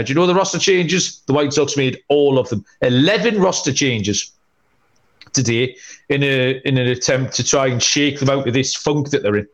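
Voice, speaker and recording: A man hosting a sports betting podcast, talking in a middle-pitched voice. He runs through pitching stats and betting lines in relaxed chat, leaning on "um" and "uh" as he goes. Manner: brisk, reads stats with filler "um" and "uh". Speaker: podcast host.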